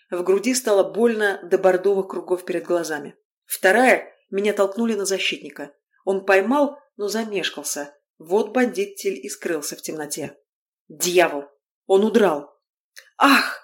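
A woman reads a first-person fantasy novel aloud as an audiobook narrator. Her telling is wry and lively, with quick asides to the listener. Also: mid-range voice.

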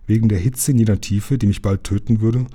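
An ancient, gentle sea creature speaks in a melodious, solemn, tender manner, as a man reads him aloud. The voice is low and mellow, with a husky grain. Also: fairly even intonation, brisk. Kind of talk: storybook reading aloud.

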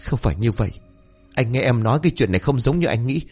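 Pleading young wife, high and frightened, put on by a man. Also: lively intonation, fast, a little mellow, breathy edge, soft background music.

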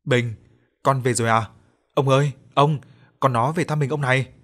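A man's voice: medium pitch, fairly quick, a bit bright, lightly acted. A man voicing an elderly rural mother who fusses fondly over her returning son in a story reading. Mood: joyful. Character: elderly country mother, fussing and overjoyed.

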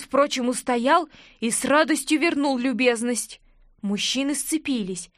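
A woman reading a first-person fantasy audiobook in a lively, expressive way. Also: on the high side, no echo, studio quality. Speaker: audiobook narrator.

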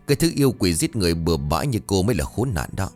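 A man's voice: deep voice, sing-song, racing, a little mellow, faint music behind, exaggerated voice. A man voicing a scornful young ghost hunter.

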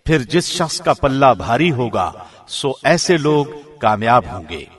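A man reads a scripture translation from a script, his delivery measured, formal and carefully phrased like a professional radio presenter. His voice sits in the mid range with big pitch swings and a fairly bright tone.

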